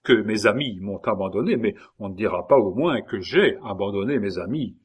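A man reading aloud, voicing an excitable, fussy male king who exclaims often. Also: on the low side, normal speed, slightly rough. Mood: resolute. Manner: exclaiming, fretful. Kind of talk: audiobook reading.

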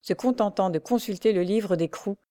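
Brief: woman audiobook narrator, measured storytelling, warm tone, dry recording. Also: medium pitch, dry recording. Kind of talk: audiobook narration of a classic novel.

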